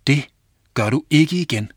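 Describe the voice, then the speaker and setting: A man's voice: medium pitch, lively intonation, slightly rough, no echo, clean studio sound, pitched above the performer's own voice. A man voicing a group of angry grown village men in a storybook reading, stern and scolding.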